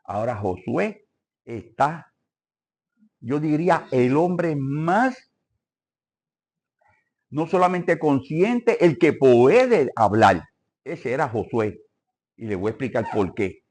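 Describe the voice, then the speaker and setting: Older guy teaching bible class at church, lively up and down voice, keeps asking the crowd stuff. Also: medium pitch, slow pace, long pauses. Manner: animated, questions the congregation and calls for amens.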